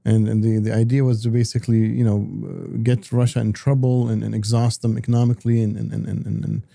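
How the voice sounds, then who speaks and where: A man talking politics as an analyst in a casual discussion, halting often with repeated words and restarts. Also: lowish voice, little pitch movement, vocal fry, dark tone, no room sound.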